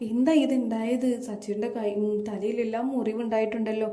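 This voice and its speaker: A tearful, frightened young wife asking one question after another, as a woman reads her lines. The voice is mellow and a touch high, heard in an echoey room. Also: flat delivery, lightly acted. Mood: anxious. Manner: anxious rapid questions.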